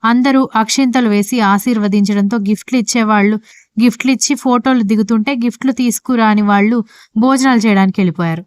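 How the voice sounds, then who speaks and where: A woman storyteller reading a scripted audio story with brisk, steady narration. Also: on the high side, smooth, dry recording, studio quality.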